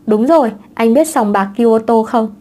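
A woman's voice: on the high side, normal speed, warm tone, natural voice. A woman voicing a brazen, cheeky young divorced mother in an audiobook romance. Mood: teasing.

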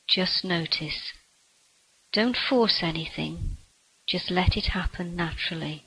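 A woman guiding a relaxation meditation in a soft, breathy voice that sometimes drops to a whisper. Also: lowish voice, slow, slight background noise, poor audio. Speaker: meditation guide.

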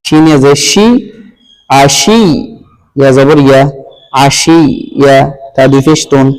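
A man teaching Quran reading, patiently spelling out each syllable and blending them in a slow, repetitive drill. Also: mid-range voice, clear, resonant tone. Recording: long hall reverb.

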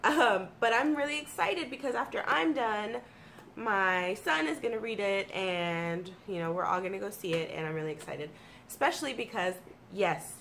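A woman's voice: medium pitch, a bit bright. Congested American woman vlogger, chatty and informal. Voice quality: congested, slightly froggy from allergies. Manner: informal, enthusiastic, self-deprecating. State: congested with allergies, sniffling. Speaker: video blogger and streamer. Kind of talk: casual chatty favorites vlog. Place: small home room with computer desk. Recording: clear background room noise.

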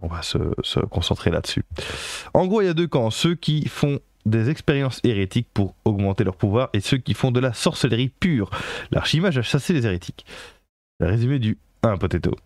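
A man's voice: mid-range voice, big pitch swings, brisk, no room sound. A man with a French accent streaming a game live, reading the on-screen text aloud and translating it, with many fillers and self-corrections. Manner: chats with viewers and thanks them. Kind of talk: casual live game commentary.

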